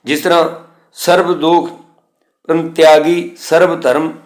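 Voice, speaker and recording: A man teaching scripture pronunciation, slowly reciting verse lines and then explaining them plainly. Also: fairly high pitch, level tone. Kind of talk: instructional lesson. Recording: echoey room.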